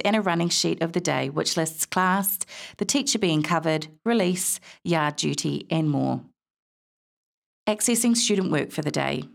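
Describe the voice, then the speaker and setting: A woman reading a scripted informational audio guide in a smooth, measured, instructional way. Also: on the low side.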